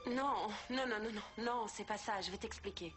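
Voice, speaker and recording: A woman playing a lively, romantic young bride-to-be in a French-dubbed telenovela. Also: mid-range voice, moderate pace, natural voice. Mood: confiding, troubled. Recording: background music under dialogue.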